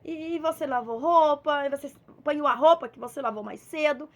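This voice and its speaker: A woman's voice: high-pitched, brisk. A young adult woman with a Minas Gerais accent, giving an informal devotional talk, telling a homely story and acting out bits of dialogue. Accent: Minas Gerais Portuguese. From Minas Gerais, Brazil. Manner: conversational, storytelling with acted dialogue. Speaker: preacher.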